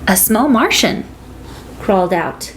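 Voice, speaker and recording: A woman reading a children's picture book aloud, gentle and storytelling. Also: medium pitch, expressive, slow, slight background noise, low-quality recording. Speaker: reader.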